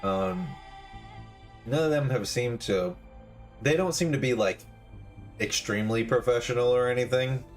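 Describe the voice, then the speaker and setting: A man running a tabletop game as game master, relaxed and casual with plenty of fillers. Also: medium pitch, a little slow, pauses often, faint music behind. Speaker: dungeon master.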